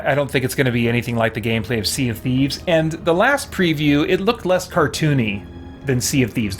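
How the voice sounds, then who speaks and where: Chatting with his viewers during a casual gaming livestream, a medium-pitched man rambles, thinks aloud and reads their comments. Music plays in the background, along with slight noise.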